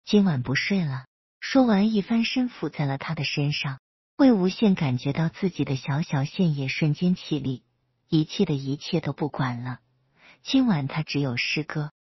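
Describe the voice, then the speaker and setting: A woman storyteller reading a romance story aloud in a soft, even manner. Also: deep voice, moderate pace, husky, no room sound, muffled recording.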